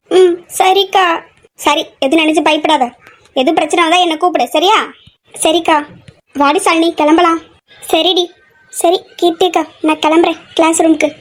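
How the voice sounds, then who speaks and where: Young woman as protective female college student, very high voice, scolding tone. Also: fairly bright tone. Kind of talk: amateur audio drama acting.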